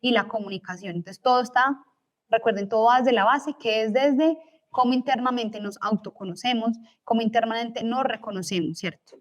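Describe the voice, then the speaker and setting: A woman's voice: on the high side, moderate pace, dull audio. A young woman lecturing as a teacher in a recorded course, explaining each point and checking in with tag questions.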